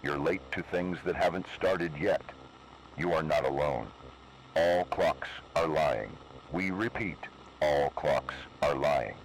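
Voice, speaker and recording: A man voices an extremely deep, ominous announcer delivering an analog horror emergency warning. He reads it gravely, deliberately, and cryptically in an exaggerated voice, heard through a lo-fi radio broadcast with faint noise.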